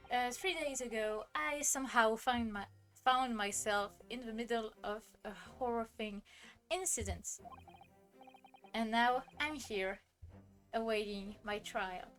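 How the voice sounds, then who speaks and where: An earnest, apologetic young student, read by a woman with a French accent, a little high and bright in tone. He halts and trips over words, speaking slowly, with faint music underneath. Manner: halting, stumbles over names.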